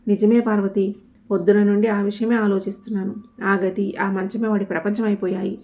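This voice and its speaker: A woman voicing a calm, worried middle-aged father who talks things over with a sigh. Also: medium pitch, brisk, close to an everyday voice. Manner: calm, sighing.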